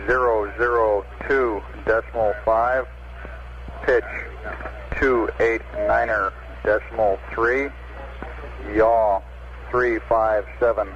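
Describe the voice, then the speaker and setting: A man working as mission control's capsule communicator over a crackly, breaking-up space radio link, with clipped radio procedure, reading numbers digit by digit. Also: fairly low pitch. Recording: dull, lo-fi radio transmission with faint static.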